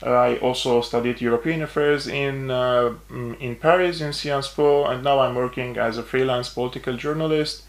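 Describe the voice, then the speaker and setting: A man from Syria, a political journalist, giving measured explanatory interview answers with frequent hesitations. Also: mid-range voice, steady tone. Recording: roomy echo.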